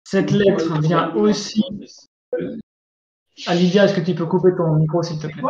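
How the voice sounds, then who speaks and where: Slow-spoken man teaching an online class. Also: sits high, fairly even intonation, crowd noise. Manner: patient, repetitive, often checks understanding with asides. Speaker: Coptic language teacher. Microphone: video call. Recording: echoey room, dull lo-fi sound.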